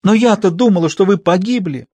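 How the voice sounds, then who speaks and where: A man's voice: high voice, fairly quick, a little mellow, dry recording, pitched above the performer's own voice. A man voicing a tearful theatrical actress wife. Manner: gushing, exclamatory, sobbing declamation. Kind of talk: audiobook character voice.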